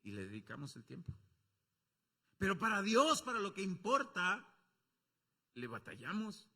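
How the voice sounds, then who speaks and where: A man with a Mexican accent preaching a sermon as pastor, swinging from loud calls to low asides and acting out quoted voices. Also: wildly swooping pitch, a little slow, slightly rough. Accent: Mexican Spanish. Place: church.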